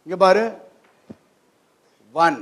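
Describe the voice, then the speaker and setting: A man giving an interactive lesson to children in a library hall, keeping them engaged with quick questions. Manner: lively, keeps quizzing the audience with quick questions. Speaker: guest presenter at a children's program.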